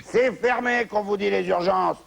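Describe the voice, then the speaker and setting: A man telling jokes as a panelist on a TV comedy show, his voice high and gravelly. He acts out the stories with sound effects and shouted bits. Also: normal speed.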